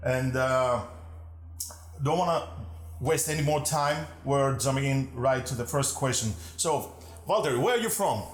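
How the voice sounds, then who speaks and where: A man's voice: medium pitch, a little slow, echoey room. A man hosting an interview, asking questions in an informal, exclamatory way. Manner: informal, exclaiming, laughs along. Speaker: interview host.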